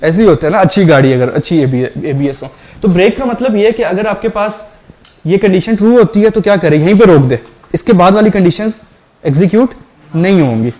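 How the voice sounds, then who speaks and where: Brisk and animated, a male programming lecturer with a high, slightly mellow voice guides his class step by step. He often checks their understanding by asking them questions.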